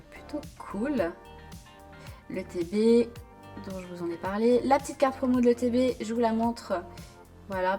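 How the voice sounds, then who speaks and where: A woman's voice: mid-range voice, darkish tone. A woman YouTuber giving casual, chatty commentary, hesitant and full of fillers and self-corrections. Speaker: card-collecting YouTuber.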